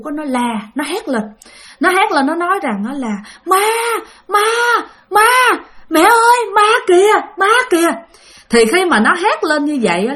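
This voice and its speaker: A woman tells a spooky tale in a casual, chatty way and keeps addressing her listeners. Her voice sits on the higher side and moves through a very animated melody. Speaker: storyteller. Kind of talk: casual ghost-story narration.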